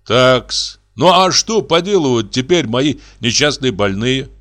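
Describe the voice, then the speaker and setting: A man's voice: medium pitch, expressive, unhurried, a bit bright, pitched above the performer's own voice. A man voicing a weary country doctor who asks plaintive, grumbling questions.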